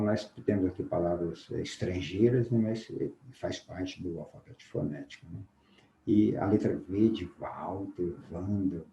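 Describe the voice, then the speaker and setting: A man from Minas Gerais with a Mineiro Brazilian accent, teaching a phonetics lesson and often checking in with a quick "né?" as he explains and sounds out examples. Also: on the low side, vocal fry, warm tone, roomy sound, low-quality recording. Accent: Mineiro Brazilian Portuguese. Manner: explanatory, repeats "né?" often, demonstrates sounds slowly.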